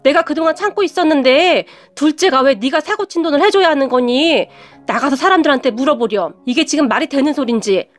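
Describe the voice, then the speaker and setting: A woman voicing an older father-in-law who speaks slowly, holding back anger. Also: high voice, animated, soft background music. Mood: stern. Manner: slow, restrained anger.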